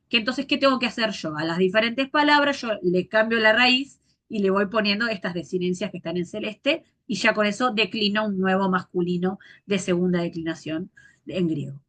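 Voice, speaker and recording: A woman teacher gives a grammar lecture, patiently repeating forms slowly and spelling out endings. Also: mid-range voice, fairly bright tone.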